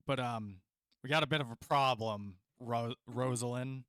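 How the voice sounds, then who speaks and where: A man's voice: medium pitch, a little slow, fairly bright tone, clear, resonant tone, no echo, clean studio sound, natural voice. A man voicing a friendly adult woman, a former cop, in a casual, easygoing way.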